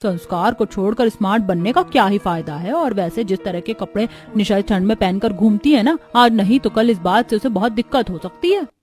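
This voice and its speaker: A woman voicing a calm, sensible young daughter-in-law of the neighbour. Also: medium pitch, fairly quick, hardly any pauses, soft background music, close to an everyday voice. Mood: reasoning. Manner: calm, reasoning.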